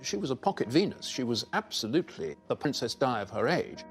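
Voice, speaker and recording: A man commenting in an interview in an opinionated, expressive way. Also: medium pitch, brisk, creaky, soft background music. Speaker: royal commentator.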